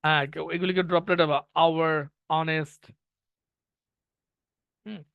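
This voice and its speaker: A man teaches an online class, working through each point step by step and stopping often to quiz his students. His voice sits a little high. The sound is dry and dull, with a lo-fi, muffled edge. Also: fairly even intonation, measured pace, creaky, clear, resonant tone, no room sound. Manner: explains step by step, asking students questions. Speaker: English teacher.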